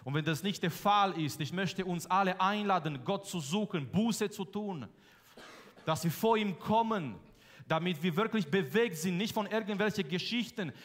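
Male preacher with a high voice and an emphatic, repetitive delivery, in a church hall with long reverb. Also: normal speed. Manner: emphatic, repeats key phrases, swings between loud and soft. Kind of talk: sermon.

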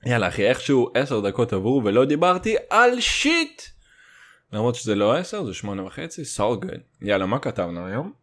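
Speaking Hebrew with a Russian accent, this young man hosts solo, rambling in a casual, comic way full of crude slang, swearing, and stray English words. His voice sits in the mid range with a fairly bright tone and big pitch swings.

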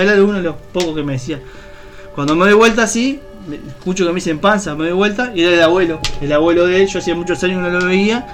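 A man's voice: on the high side, a bit bright. A man with a Uruguayan accent, a radio co-host telling a personal story in a rambling way, full of fillers and restarts. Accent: Uruguayan Spanish. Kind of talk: casual spoken storytelling on radio.

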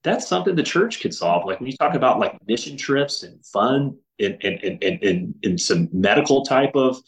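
A man's voice: mid-range voice, sing-song, normal speed, rough recording. A man as a podcast guest, talking earnestly in casual conversation with frequent restarts and filler words.

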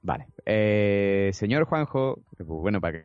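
A man's voice: fairly low pitch, lively intonation, measured pace, smooth, no room sound. A man co-hosting a podcast, chatty and enthusiastic. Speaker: podcast co-host. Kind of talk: casual podcast chat. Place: home, over a Skype call. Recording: dry, slightly dull call audio.

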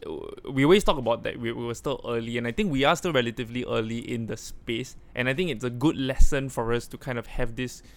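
A man hosts a casual discussion. His voice is mid-pitched with strong vocal fry. He talks in a measured, loosely hedged way, with plenty of "kind of" and "like". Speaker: host.

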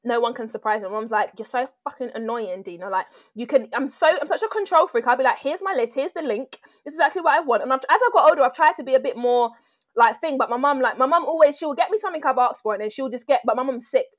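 A young woman chatting casually as a co-host, telling animated stories at speed. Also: sits high, no echo. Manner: fast, animated storyteller. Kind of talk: casual chat.

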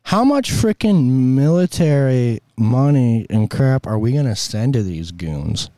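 An American man who hosts a political commentary show delivers an opinionated monologue in an emphatic, exasperated, colloquial way, his medium-pitched voice very animated, unhurried and mellow. He has a sore throat, so he coughs and clears his throat, and the recording is dry.

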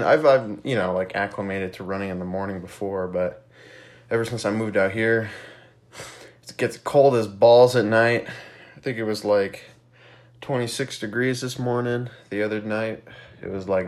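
A young man hosting his own podcast alone, rambling and reflective with many fillers and casual swearing, a little out of breath and with a stuffy nose. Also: on the low side. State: slightly out of breath. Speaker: podcast host. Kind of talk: casual solo podcast monologue.

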